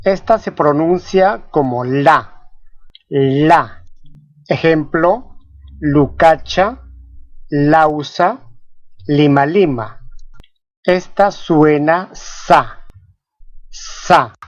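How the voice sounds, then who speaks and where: A teacher reads a scripted pronunciation lesson at a very slow, deliberate pace, saying each sound and repeating every example word. The voice is dry and close, with no room around it. The recording is dull and lo-fi. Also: medium pitch, dry recording. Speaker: language teacher.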